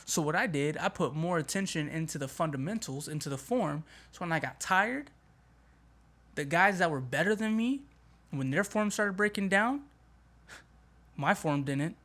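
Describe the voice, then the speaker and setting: A man hosting a motivational podcast, talking in an energetic, emphatic way with casual slang. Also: on the high side, normal speed. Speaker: podcast host. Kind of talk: motivational talk.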